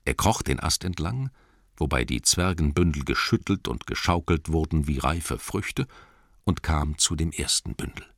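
Deep-voiced guy narrating a kids' fantasy storybook, animated, talks to the listener sometimes, dry close sound. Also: moderate pace, no room sound. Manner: expressive, lively, asides to listeners. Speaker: audiobook narrator.

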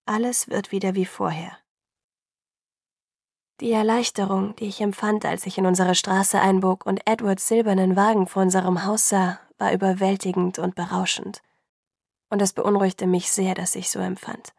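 A woman narrating a first-person novel as an audiobook, in a soft, subdued reading. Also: mid-range voice, flat delivery, moderate pace, creaky, no echo, studio quality.

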